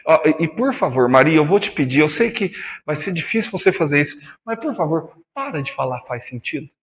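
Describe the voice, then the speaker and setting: A man's voice: a little high, sing-song, a little fast, in a large hall. A man teaching physics in a classroom lecture with a Brazilian Portuguese accent, chatty and teasing, calling students by nicknames.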